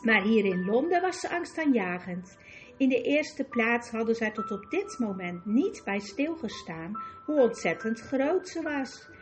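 Calm woman reading an audiobook. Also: fairly high pitch, a little slow, faint music behind. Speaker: narrator. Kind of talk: audiobook narration.

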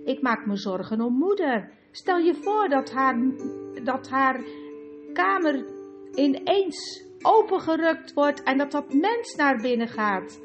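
A woman's voice: sits high, big pitch swings, slow, pitched above the performer's own voice, exaggerated voice. A woman voicing an anxious, earnest young boy who talks in an urgent, pleading way, over guitar music.

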